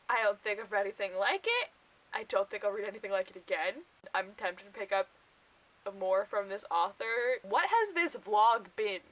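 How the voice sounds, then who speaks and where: A woman's voice: a little high, a bit bright, rough recording. A young woman casually reviewing books for her vlog, chatty and full of filler words, often breaking into laughter. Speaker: book vlogger.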